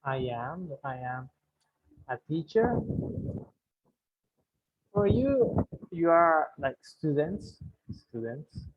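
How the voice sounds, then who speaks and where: Man in his thirties, teacher, husky voice, somewhat high, repeats phrases for learners, phone-like sound. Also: very animated, very slow, long pauses. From Guatemala. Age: 30s. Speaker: English teacher. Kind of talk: bilingual classroom lesson. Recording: tinny phone-like audio.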